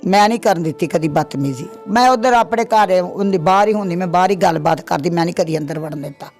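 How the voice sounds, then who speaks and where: Middle-aged woman, plaintive interviewee, gravelly voice, faint music underneath. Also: lowish voice, quick pace, a little mellow. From Pakistan. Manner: plaintive, repeats her complaints. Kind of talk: emotional interview testimony.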